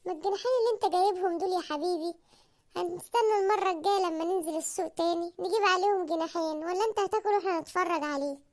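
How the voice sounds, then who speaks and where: A woman voicing Shimo, a squeaky scolding Egyptian wife. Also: a little mellow. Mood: mocking. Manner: scolding, sarcastic, quick retorts. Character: nagging thrifty Egyptian housewife, sharp-tongued and teasing. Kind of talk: cartoon comedy voice acting.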